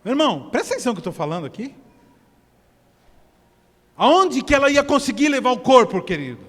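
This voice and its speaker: A Brazilian man preaching a sermon at a church service, swinging from hushed to loud as he directs the congregation. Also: very high voice, sing-song, fairly quick, in a large hall. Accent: Brazilian Portuguese. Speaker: pastor.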